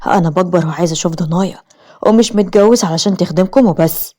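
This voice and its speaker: Woman doing a gruff angry husband. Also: on the low side, very fast, warm tone, lightly acted. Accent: Egyptian Arabic. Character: harsh adult husband, demanding and angry.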